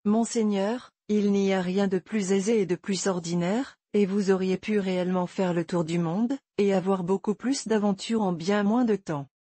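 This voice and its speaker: A woman plays a patient good genie in an audiobook, reasoning calmly and explaining step by step. The voice is mellow and husky-edged. The sound is dry and close. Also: mid-range voice, moderate pace, hardly any pauses, no echo, close to an everyday voice. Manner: calm, explanatory. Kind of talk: audiobook character reading.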